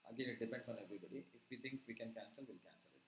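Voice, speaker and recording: A man's voice: on the low side, racing. A man with an Indian accent chatting casually as an instructor, often repeating words and tagging points with okay. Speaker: web development instructor. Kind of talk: casual teaching and class chat. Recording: echoey room with background noise.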